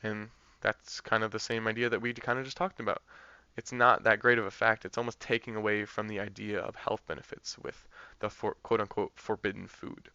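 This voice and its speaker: A man's voice: fairly low pitch, flat delivery, fairly quick, sharp tone, smooth, no room sound, highs cut off. A man tutoring test prep, explaining practice test answers in a conversational way, thinking aloud with fillers and restarts.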